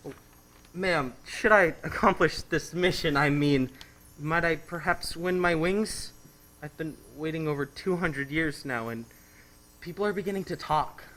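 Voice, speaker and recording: A man's voice: fairly high pitch, a little slow, a bit bright, poor audio. An actor playing Clarence, a timid, fussy, elderly male apprentice angel, in an old-time radio play. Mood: eager. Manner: fussy, eager, polite.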